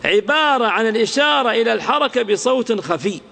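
A male grammar teacher giving a classroom lecture. He chants lines of verse slowly, then explains them with worked examples and quick questions to his students. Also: very high voice, lively intonation, vocal fry, bright, forceful tone. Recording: long hall reverb.

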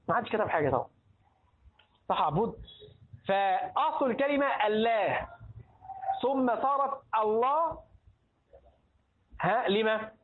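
High-voiced Egyptian teacher quizzing his class. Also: narrow, tinny audio. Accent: Egyptian Arabic. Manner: questioning students, prompting answers. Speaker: religious teacher. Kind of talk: classroom lesson on creed.

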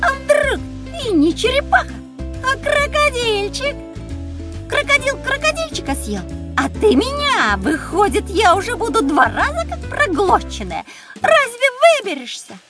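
A cheeky little mystery creature. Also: female voice, extremely high pitch, over music, full character voice. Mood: teasing. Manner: quick, teasing, lively storytelling. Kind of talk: radio play acting.

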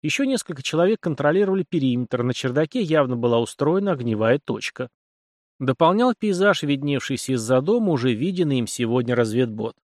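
Male audiobook narrator, steady and measured, dry close sound. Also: medium pitch, no room sound. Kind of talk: scripted narration.

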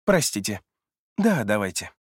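Raised-voice female therapist, level and knowing, quietly provocative, put on by a male reader; dry, close audiobook read. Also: on the low side, big pitch swings, unhurried, husky, no room sound, heavily acted. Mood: cool, probing. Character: calm, probing female therapist, middle-aged.

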